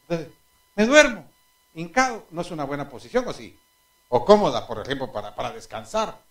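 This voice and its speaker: A man's voice: fairly high pitch, a little fast. A male pastor preaching a sermon, telling anecdotes with laughter and asking the congregation direct questions. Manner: animated storytelling, laughing at his own anecdotes.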